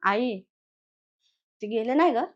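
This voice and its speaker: A woman voicing a troubled young man who insists that spirits speak in his ear, in a low, quiet tone. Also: lively intonation, takes it slowly, lo-fi sound. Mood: uneasy.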